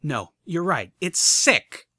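A man's voice: a little high, very animated, slow, sharp tone, no echo, pitched above the performer's own voice, heavily acted. A man voicing a fiery older mare pony. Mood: furious. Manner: exasperated, emphatic, swearing when angry.

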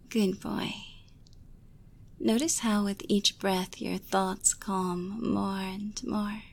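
A woman whispering a slow, soothing hypnosis session, guiding breathing and counting. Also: medium pitch, creaky, darkish tone.

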